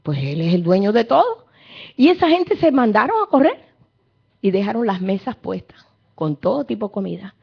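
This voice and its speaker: A woman's voice: medium pitch, very animated, normal speed, creaky, breathy edge. A woman preacher, giving a fervent sermon full of Bible storytelling and speaking straight to the congregation. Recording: dull lo-fi recording.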